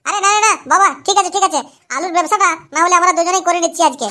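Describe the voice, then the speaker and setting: A performer voicing a squabbling young boy in a cartoon, with a squeaky, high child voice and quick, whiny bickering. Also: sharp tone. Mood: pleading. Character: squabbling young boy, street vegetable seller. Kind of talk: cartoon voice acting.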